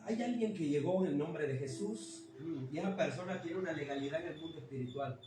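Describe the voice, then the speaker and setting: Preacher quoting a defiant cornered demon, slow pleading questions, echoey church from far off. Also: male voice, fairly high pitch, noisy background, close to an everyday voice. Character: cornered male demon legion, defiant and fearful.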